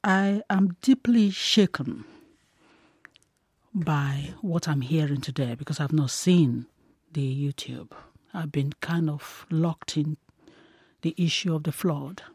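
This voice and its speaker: A Nigerian woman, a human rights defender, speaking earnestly and in pain, in measured phrases. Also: sits low, darkish tone, breathy edge, no room sound, studio quality. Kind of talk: emotional radio call-in comment.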